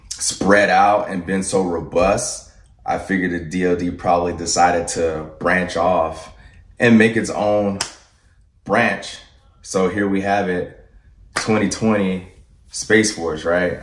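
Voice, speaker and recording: A man giving casual, rambling reaction commentary as an online host, checking in with an informal "right?". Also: low voice. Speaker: drill sergeant host reacting to videos. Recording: roomy echo, faint background noise.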